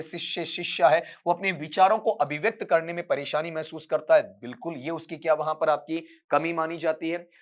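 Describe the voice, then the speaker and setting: A man with a slightly high voice giving an online exam-prep lecture. He reads English answer options slowly, then explains them at length in Hindi. Along the way he keeps asking questions of his listeners and answering them himself.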